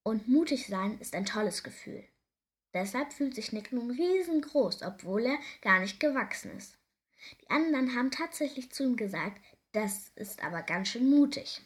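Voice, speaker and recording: A woman reading a children's story aloud, gentle and expressive, sometimes dropping to a soft whisper. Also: on the high side, moderate pace.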